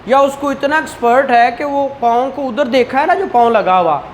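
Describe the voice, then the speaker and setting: This woman speaks in a high pitch at a moderate pace, with a little hiss or hum in the recording. Lecturing a law class in a Pakistani accent, she keeps it conversational, switching into English terms, asking rhetorical questions and acting out dialogue as she explains.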